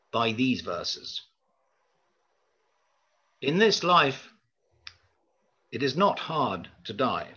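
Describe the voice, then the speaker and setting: An older man delivers a prepared lecture in a formal, measured manner, pausing hesitantly at times. His mid-range voice is husky yet bright and forceful, heard over slightly dull video-call audio.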